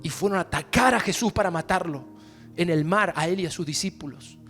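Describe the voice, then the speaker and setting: An Argentine pastor preaches in a fairly high voice, his pitch climbing and falling through the sermon. Soft music plays faintly behind him during the church service. He builds to loud, emphatic shouts on the lines he wants to stress. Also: brisk. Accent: Argentine Spanish.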